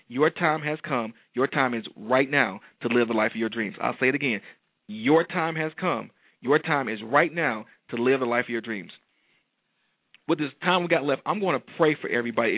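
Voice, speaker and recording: Guy doing motivational preaching, repeats lines for emphasis, mid pitch, kinda dull lo-fi sound. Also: no echo. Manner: emphatic, repeats phrases like a refrain. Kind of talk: motivational speech turning into prayer.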